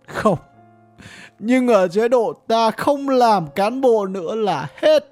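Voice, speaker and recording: A bitter old man from a village, once an official, rants and swears as he grieves, as an audiobook reader voices him. His speech swings widely in pitch and drags slowly. Faint music plays underneath. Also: animated, darkish tone. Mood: weary. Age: older. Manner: ranting, grieving, coarse cursing. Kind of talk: audiobook character voice.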